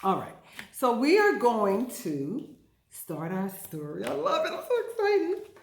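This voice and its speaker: With a fairly high voice and very animated intonation, a woman guides kids through a storytime that doubles as a vocabulary lesson. She takes it slow, stresses words, repeats things and asks questions. The indoor room echoes clearly, and there's a faint hiss or hum.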